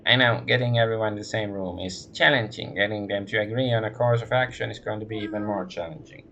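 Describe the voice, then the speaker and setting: A man's voice: fairly low pitch, fast talker, vocal fry, bright, forceful tone, a little hiss or hum. A man voicing a nasal, heavy-smoking woman who talks in a curt, businesslike way over a game line. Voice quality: nasal, sing-song then businesslike.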